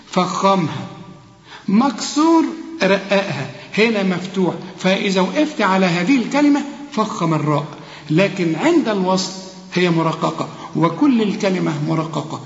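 A man with an Egyptian accent teaching Quran recitation. He coaches a student and slowly repeats words to demonstrate them. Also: high-pitched, expressive. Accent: Egyptian Arabic. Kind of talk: tajweed lesson, one-on-one drilling. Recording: echoey hall, dull lo-fi sound.

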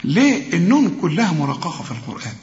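A man with an Egyptian Arabic accent teaching recitation rules, explaining patiently and chanting verse examples slowly. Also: fairly high pitch, sing-song, a little mellow. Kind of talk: tajweed lesson with recited examples. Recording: echoey hall, dull lo-fi sound.

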